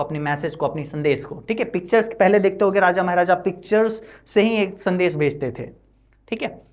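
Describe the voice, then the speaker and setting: A woman teacher explaining an English textbook chapter line by line, reading each English line slowly and then explaining it in a chatty way, with constant checks like "right?" and "okay". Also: medium pitch. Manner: constant "है ना" and "ठीक है" tag checks; chatty, addresses students directly.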